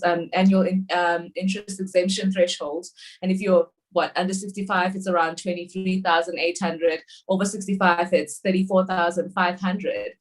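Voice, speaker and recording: A woman's voice: lowish voice, rough recording. A woman in her thirties from South Africa, a bank panelist explaining savings at length on a webinar panel, with many fillers and restarts. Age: 30s.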